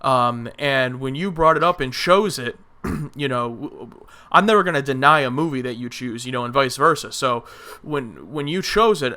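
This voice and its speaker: Podcast co-host, male, bright and smooth-toned, opinionated and chatty, lots of restarts. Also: medium pitch. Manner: opinionated, rambling with restarts and filler. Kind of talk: casual film review chat.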